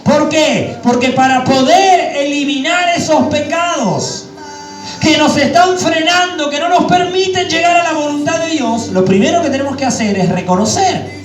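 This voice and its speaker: Fervent high-voiced preacher. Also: male voice, normal speed. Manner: fervent preaching, often shouting. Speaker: pastor. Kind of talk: Pentecostal sermon. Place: church hall. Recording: echoey church hall, mic at a distance, faint music.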